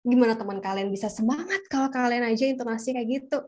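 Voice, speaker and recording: A woman leading a live public speaking workshop, swinging her pitch up and down as she demonstrates intonation to her audience. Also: fast talker, a little mellow.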